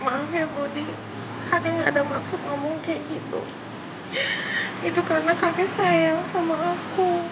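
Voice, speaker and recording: An actress in her late twenties playing a gentle granddaughter who speaks softly and pleadingly. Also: very high voice, little pitch movement, a little slow, very noisy. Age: late 20s. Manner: soft, pleading. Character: gentle young woman, loving granddaughter.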